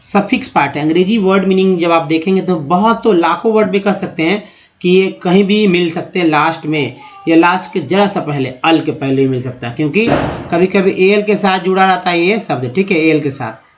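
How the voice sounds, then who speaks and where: A man teaches English pronunciation in a fairly high voice. He spells out each word letter by letter and says it over again. He keeps checking in with his viewers as friends. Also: a little hiss or hum. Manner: slow, repeats words and letters while explaining. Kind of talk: spoken phonics lesson.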